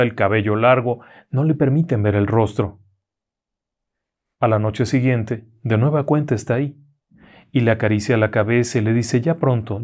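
A man narrating a horror story in a slow, dramatic way. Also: medium pitch, darkish tone.

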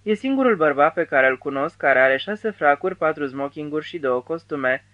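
A male narrator voicing a caring, resourceful wife in an audiobook, speaking gently and affectionately. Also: a little high, animated, dry recording, highs cut off, close to an everyday voice.

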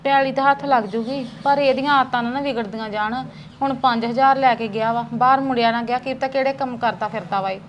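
A woman's voice: high voice, fairly even intonation, quick pace, lo-fi sound, a little hiss or hum, close to an everyday voice. A woman playing a worried middle-aged village mother who lectures her son. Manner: chiding, lecturing. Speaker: actor. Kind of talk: family drama skit.

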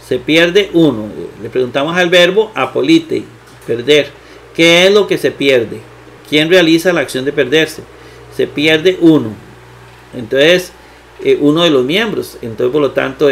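Slow, deliberate man teaching grammar. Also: on the high side. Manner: slow, repetitive, with many fillers and rhetorical questions. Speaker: Bible teacher. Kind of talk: grammar lesson with screen.

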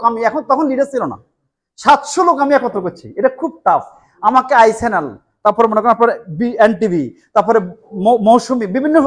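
Bangladeshi-accented man, 40s, high-pitched, fast, animated seminar talk, rhetorical questions, meeting room, lapel mic. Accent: Bangladeshi Bengali. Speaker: motivational speaker.

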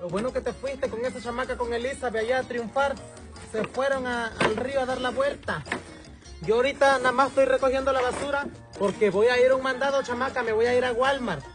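A man's voice: extremely high pitch, fairly even intonation, fairly quick, music in the background. A man playing Doña Godoleva, a brash, bossy village mother with a Mexican coastal accent, in a comedy sketch. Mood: nagging. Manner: scolding, loud and exasperated.

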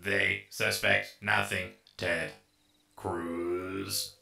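A menacing robot with a booming metallic voice in a comedy sketch. The delivery is slow and monotone, low and gravelly. It rings with echo over music. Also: male voice, heavily acted. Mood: monotone menace. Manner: flat, mechanical, monotone delivery. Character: menacing male robot posing as a human teen. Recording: echoey with music behind.

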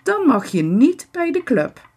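A woman's voice: sits high, breathy edge, voice pushed up, exaggerated voice. A woman voicing an eager, scheming young boy in a children's storybook reading. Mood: bossy. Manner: excited, pushy, quick to tease.

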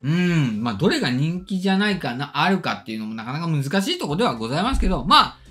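A man's voice: fairly high pitch, sing-song, quick pace, a bit bright. A middle-aged man chatting casually as a tech channel host, reading and answering viewer comments politely and emphatically, his diction slightly slurred by orthodontic braces. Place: indoor studio or room, seated at desk. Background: faint music.

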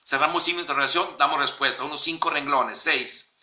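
Mexican teacher dictating in an echoey room. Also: male voice, fairly high pitch, bright, forceful tone. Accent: Mexican Spanish. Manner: dictates slowly, repeats questions and punctuation. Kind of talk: dictating a history lesson.

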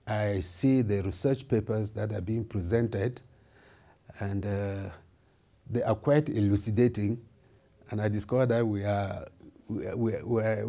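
Middle-aged male lawmaker, formal and measured with pauses, dark warm low voice, seated office interview. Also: breathy edge. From Cameroon. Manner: measured, formal, with frequent hesitations. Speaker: member of parliament and lawyer. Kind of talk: reflective interview answers. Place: indoor office with wood paneling.

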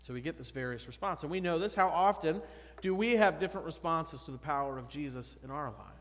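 A thirty-something pastor preaches fast with lively intonation, his voice a bit bright and on the high side. Standing at a church sanctuary pulpit, he's conversational yet emphatic, heard through a pulpit mic and far camera with long reverb.

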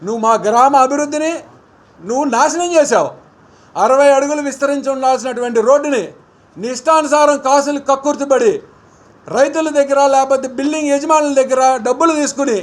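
A man speaks in a strikingly high, strained register for a man. He is a middle-aged opposition politician confronting a rival in a combative, scolding press statement, pressing one accusation after another. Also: brisk.

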